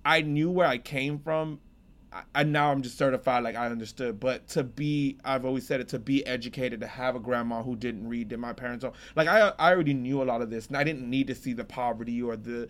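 A man's voice: mid-range voice, a little fast. A young American man co-hosting a podcast, telling rambling stories in casual chat. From United States. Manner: rambling, animated storyteller. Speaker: podcast co-host.

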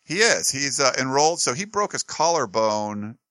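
A man's voice: mid-range voice, sing-song, normal speed, fairly bright tone, no echo. A man co-hosting a sports talk show, chatting casually and rambling with lots of fillers and restarts.

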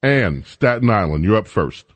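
A man's voice: fairly low pitch, very animated, normal speed, dry recording. A man hosting talk radio, giving opinionated commentary in a conversational, emphatic way.

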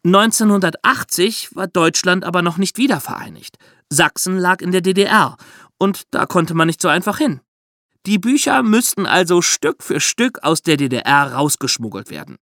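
A podcast host with a fairly high voice and very lively intonation tells history like a story to a friend, at a normal speed. He explains things in an engaged, conversational way. The recording is close and dry, with no room sound.

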